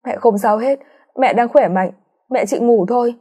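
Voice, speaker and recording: A woman playing a grieving girl in a storybook reading, pitched high, pleading. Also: normal speed, darkish tone, slightly rough. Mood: distraught. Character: grief-stricken young woman, clinging and pleading.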